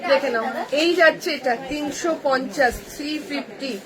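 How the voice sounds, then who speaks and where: Live-streaming from her shop, a woman with a high-sitting voice sells clothes using brisk, repetitive patter about colours and prices. The audio is poor, with crowd noise behind her.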